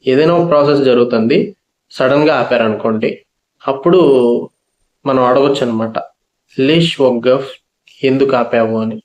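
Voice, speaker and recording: A man's voice: mid-range voice, normal speed, long pauses, roomy sound, highs cut off. A man teaching a spoken language lesson, patiently repeating each phrase and its meaning.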